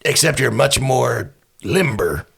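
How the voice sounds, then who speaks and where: A woman's voice: extremely low pitch, animated, slow pace, gravelly, husky, pitched below the performer's own voice, full character voice. A woman playing a catty, boastful old Hollywood retiree in a comedic tabletop game, wry and reminiscing.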